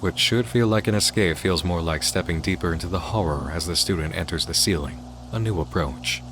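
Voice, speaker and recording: A man's voice: low voice, a little fast. A man reading scripted, analytical video essay narration. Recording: clear background noise under voice.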